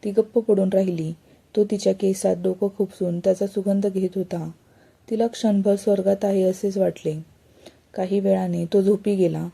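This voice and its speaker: A woman narrating a romance story at a steady, even pace. Her tone is very dark and mellow, with a husky, breathy grain. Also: medium pitch.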